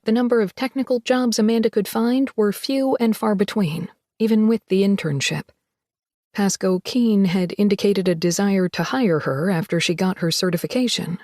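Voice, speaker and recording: Woman audiobook narrator, mid pitch, steady and measured, dry close sound. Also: no echo. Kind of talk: scripted narration.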